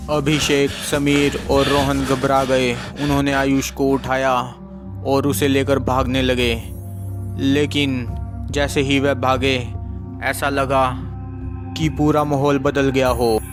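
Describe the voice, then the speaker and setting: A man narrating a horror story in a slow, measured, suspenseful way, with music in the background. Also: medium pitch.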